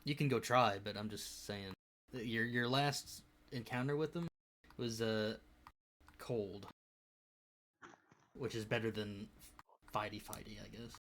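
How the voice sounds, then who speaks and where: A man's voice: lowish voice, steady tone, a little slow, pauses often, a bit bright, a little hiss or hum. A man running a tabletop role-playing game as game master, talking in a laid-back, hedging way. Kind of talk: casual tabletop game narration.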